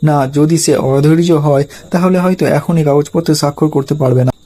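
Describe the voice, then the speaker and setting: A man's voice: fairly high pitch, brisk, close to an everyday voice. A man reading as a shaken young woman. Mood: calculating. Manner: flat, read-aloud delivery.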